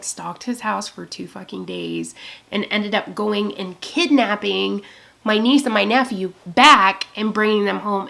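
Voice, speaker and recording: A talkative woman in her thirties, swearing freely as she rambles through a story. Her voice has a gravelly fry under a middle pitch. She speaks to her own camera at home. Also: a bit bright. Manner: chatty, profane, storytelling with quoted asides. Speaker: beauty vlogger. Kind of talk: rambling get-ready-with-me chat.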